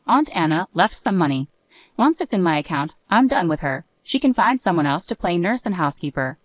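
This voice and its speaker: A woman's voice: lowish voice, big pitch swings, brisk, no echo. A woman voicing a lazy, contemptuous young husband who sneers and mocks, in a read-aloud story. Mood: sneering. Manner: sneering, sarcastic.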